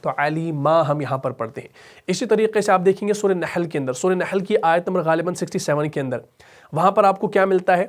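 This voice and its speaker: A man teaching Quran recitation rules in a lesson, explaining patiently, asking and answering his own questions, and chanting verses slowly and melodically. He speaks with a Pakistani Urdu accent. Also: high-pitched. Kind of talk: tajweed lesson with recited examples.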